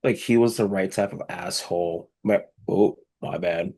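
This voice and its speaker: A man's voice: low-pitched, normal speed, a little mellow, slightly rough. A man co-hosting a casual movie podcast, blunt and profane, often searching for words. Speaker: podcast co-host. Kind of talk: casual movie review chat. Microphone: podcast microphone.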